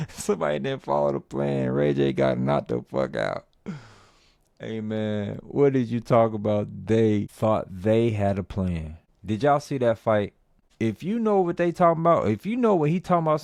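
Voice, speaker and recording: A man doing casual, rambling commentary on movies and viral fights, slangy and animated when ranting. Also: mid-range voice, gravelly, no room sound, studio quality. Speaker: movie review vlogger.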